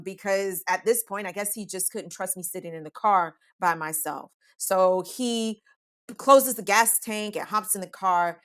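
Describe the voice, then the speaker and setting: A woman's voice: medium pitch, a bit bright, clear, resonant tone. Woman telling a personal story, full of "um". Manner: conversational, many fillers like "um" and "like".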